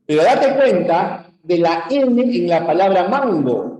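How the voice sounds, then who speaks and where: A man from Peru teaching a university-prep lecture, explaining step by step and checking in with the class through quick questions. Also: high voice, very animated, a little mellow. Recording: echoey room.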